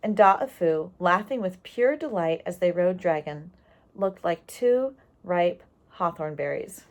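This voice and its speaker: Her voice is on the low side as she reads a storybook aloud with expression and explanation. Important words get a pause, and she adds asides for the young audience.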